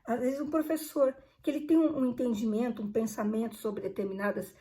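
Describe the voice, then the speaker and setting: Woman, Bible study teacher, earnest, conversational, fairly high voice. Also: fairly even intonation, brisk, dark tone. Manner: earnest, conversational, repeats phrases for emphasis.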